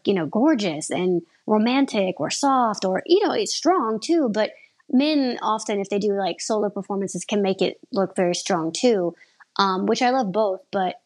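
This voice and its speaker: Husky woman chatting in a rambling way. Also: mid-range voice. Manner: lively, rambling, restarts sentences often. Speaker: aerial performer, guest. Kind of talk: casual interview chat.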